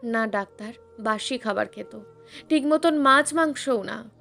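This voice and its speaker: A woman's voice: a little high, a little slow, creaky, sharp tone, soft background music, heavily acted. A woman voicing a young husband and father who confronts his mother in a firm, pained way.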